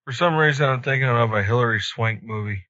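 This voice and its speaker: A man's voice: medium pitch, fast talker, pushed and bright, no room sound. A man hosting a podcast in casual chat, speaking somewhat hesitantly in short, tentative phrases. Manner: hesitant, brief tentative replies. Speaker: podcast host. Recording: dull, dry lo-fi audio.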